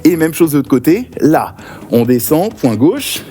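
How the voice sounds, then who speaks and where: A man leading a guided workout class, giving energetic, encouraging cues and counts. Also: a little high, a little slow, slight background noise. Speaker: fitness coach.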